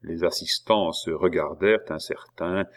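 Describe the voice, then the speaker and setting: A man reading a classic novel aloud as narrator, in a steady, measured storytelling manner. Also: deep voice. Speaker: audiobook narrator.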